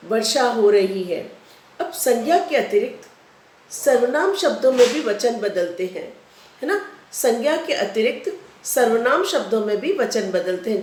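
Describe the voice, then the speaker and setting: A woman's voice: on the high side, a little mellow, echoey room. A woman schoolteacher giving a patient grammar lesson to children, repeating rules and examples. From India. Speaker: school teacher.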